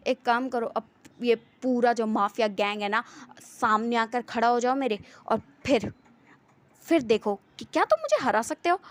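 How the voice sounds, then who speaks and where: A woman's voice: on the high side, natural voice. A woman voicing a vengeful male mafia boss who threatens and taunts his enemies. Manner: threatening, taunting, shouts in bursts.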